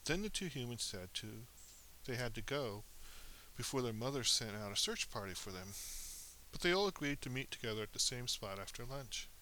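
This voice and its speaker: Animated male storyteller reading aloud. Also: mid-range voice, normal speed, slight background noise, rough recording. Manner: animated, expressive reading with small slips. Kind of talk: storybook narration.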